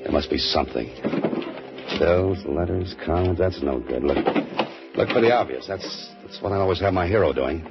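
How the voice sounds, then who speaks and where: This actor plays a sleuthing mystery writer, cool and dry-witted, in the manner of a 1940s radio drama, and the broadcast sound is muffled and period. His deep, creaky voice is expressive at a normal speed, with loud music playing behind it. He comes across as wry, trading dry wisecracks.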